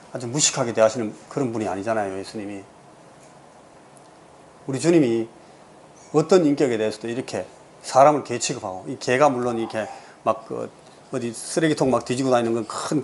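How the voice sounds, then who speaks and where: A man's voice: medium pitch, a little hiss or hum. A man preaching as a pastor, retelling a passage as a story and explaining it to the congregation. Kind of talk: expository sermon.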